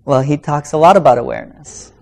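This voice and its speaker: A man teaching meditation in an informal dharma talk, speaking in a halting, reflective way with long pauses. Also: on the high side, a little mellow. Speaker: meditation teacher giving a talk to a practice group.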